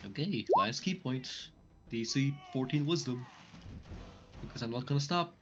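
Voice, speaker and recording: Tabletop player, mid pitch, teasing, slangy, casual banter, dull lo-fi sound. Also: lively intonation, normal speed. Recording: dull lo-fi, faint music behind.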